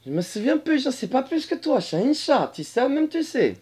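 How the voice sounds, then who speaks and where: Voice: moderate pace, breathy edge. A person joking among friends, speaking broken French in a put-on Slavic accent. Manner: lively, joking, pitch jumping around. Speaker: amateur radio joker. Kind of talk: playful banter among friends.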